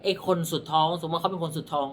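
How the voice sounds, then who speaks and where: A man's voice: on the high side, steady tone, very fast, slight background noise. A man reading palms, explaining in a blunt, rambling way, correcting himself as he goes and pointing at his own hand, with a dry throat. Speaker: palm reader. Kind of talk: casual explanatory talk.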